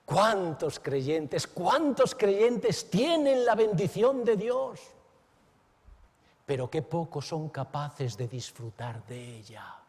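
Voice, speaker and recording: A man preaching a sermon as pastor. He is dramatic, swings between exclamations and hushed asides, and keeps asking the listeners questions. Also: sits high, big pitch swings, slow, breathy edge, big-room sound. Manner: asks the listeners direct questions.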